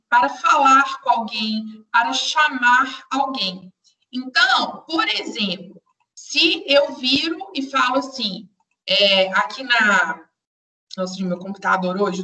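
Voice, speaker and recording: Woman, teacher, patient, repeats explanations, bright voice, roomy echo, distant from the mic. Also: a little high. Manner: patient, repeats explanations, addresses students directly. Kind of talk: live online grammar class.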